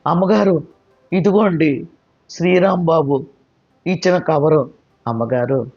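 A humble maidservant coaxes her mistress softly and deferentially, as a male storyteller puts her on. The voice is raised and husky. Dull lo-fi sound with faint music behind. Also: fairly high pitch, slow, full character voice. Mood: coaxing. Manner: deferential, coaxing. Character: humble woman servant, gentle and pleading.

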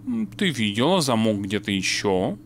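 A man's voice: lowish voice, very animated, moderate pace, a little hiss or hum. A man playing a puzzle game with a friend, chatting casually and muttering mild curses as he works things out. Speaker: let's play gamer. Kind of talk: casual co-op gameplay chat.

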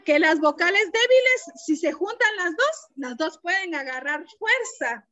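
Bright high-pitched woman teaching. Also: sing-song, unhurried, highs cut off. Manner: patient, asks the class questions. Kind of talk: online class lesson. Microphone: computer mic on a video call.

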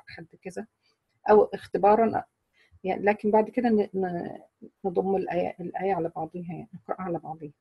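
Husky-voiced Egyptian woman teaching. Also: mid-range voice, dry recording, dull audio. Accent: Egyptian Arabic. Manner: patient, explanatory, quizzes students. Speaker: Quran recitation teacher. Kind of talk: explaining recitation rules to a class.

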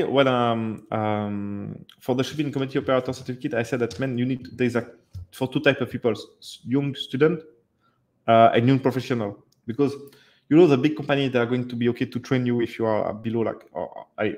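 In a dim room, a livestream host in his thirties fields viewer questions over webcam using a headset or desk mic. His medium-pitched voice is a bit fast and a bit mellow, with fairly even intonation, and he keeps restarting and dropping fillers as he chats.

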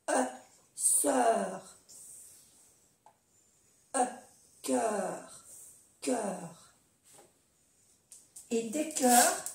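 An older woman gives a patient language lesson from her home, saying each word slowly and again and again. Her voice sits fairly high and her pace is unhurried. The room around her has a noticeable echo. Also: a little mellow. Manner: patient, repeats words slowly, many tag questions. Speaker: language teacher. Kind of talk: casual video lesson.

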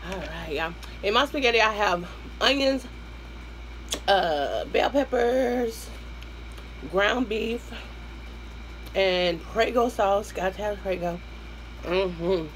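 Seated at a table close to the camera in a small room at home, a hoarse mukbang host with a Southern US accent chats casually with viewers between mouthfuls, calling them y'all and humming over her food. Her medium-pitched voice has lively intonation, she takes it slowly with long pauses, and the low-quality recording picks up a faint hum of outside traffic.

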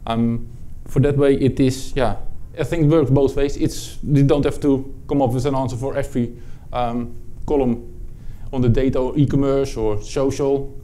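In a conference room with an audience, a man from the Netherlands presents a technical product at a conference, his Dutch accent clear. His mid-range voice is mellow, a little hiss or hum is audible, and he speaks haltingly with many fillers and false starts.

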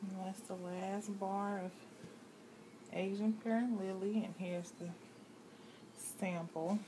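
A woman's voice: medium pitch, level tone, takes it slowly. A woman giving a casual hands-on demonstration as host, thinking aloud while she works, recorded indoors at a home counter. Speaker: host, handmade soap maker. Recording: clearly noisy home recording.

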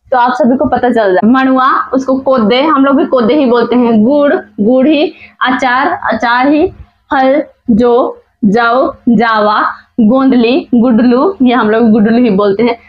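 A woman with a high voice teaches vocabulary at a small whiteboard, saying each word slowly and repeating it. She talks in an easy, chatty way to her viewers. The sound is dull and lo-fi. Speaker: language teacher, channel host. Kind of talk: casual whiteboard vocabulary lesson.

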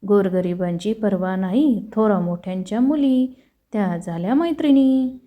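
A woman voicing a proud, poor old woman who scolds slowly and deliberately. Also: mid-range voice, narrow, tinny audio, close to an everyday voice. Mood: indignant. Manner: slow, measured scolding.

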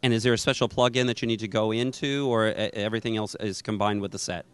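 At a booth inside a trade show, a middle-aged man hosts an on-camera interview, presenting and asking questions into a handheld mic. He speaks fast in a clean, steady voice that sits on the low side.

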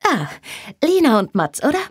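Woman voicing a small, cheerful dance teacher in an audiobook, brisk and friendly. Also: high-pitched, wildly swooping pitch, husky, no echo, clean studio sound, pitched above the performer's own voice, heavily acted.

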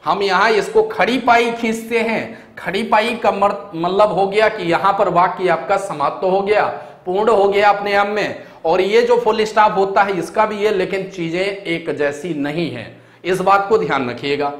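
A man's voice: high voice, moderate pace. A young man teaching a grammar lesson for exam preparation, explaining step by step and often checking that his students follow. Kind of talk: exam-prep grammar lecture. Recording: echoey room.

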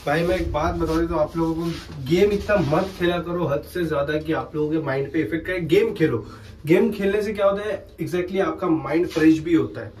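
A man's voice: fairly high pitch, fairly quick, darkish tone. A teenage man vlogging casually to camera on a phone, chatty, calling his viewers guys and bhai. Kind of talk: casual vlog chat to camera.

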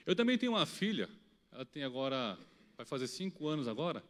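A young man giving an emotional sermon testimony with a Brazilian Portuguese accent, pleading and swinging from shouted appeals to quiet storytelling. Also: mid-range voice, sing-song, fast talker, long reverb tail. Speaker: preacher.

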